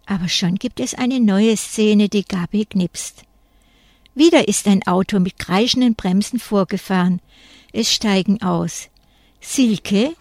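A woman reads a children's story at an unhurried pace, in a fairly high, dry and close voice. Her reading is clear and steady. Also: no echo. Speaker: narrator. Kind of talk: children's audiobook narration.

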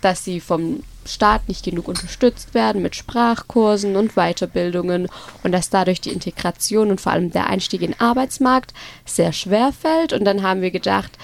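A twenty-year-old woman with a gravelly edge to her voice. She explains a student project earnestly in a studio interview and often pauses with fillers. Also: fairly low pitch. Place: radio studio.

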